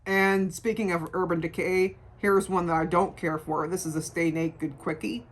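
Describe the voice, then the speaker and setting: A middle-aged woman with a gravelly voice, chatting casually through a beauty product review and repeating words for emphasis. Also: fairly low pitch, fairly even intonation, normal speed, slight background noise. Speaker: beauty vlogger.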